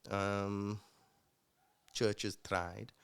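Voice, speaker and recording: A young man, a musician guest, telling his personal story in an earnest, reflective way with halting restarts. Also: lowish voice, flat delivery, creaky, clean tone. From South Africa.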